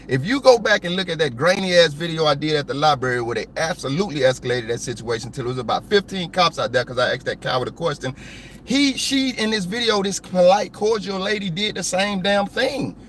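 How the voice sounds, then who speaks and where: A man's voice: fairly high pitch, expressive, fairly quick, a bit bright, slight background noise. A man hosting a live stream, ranting hotly and with plenty of profanity. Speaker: copwatch channel host.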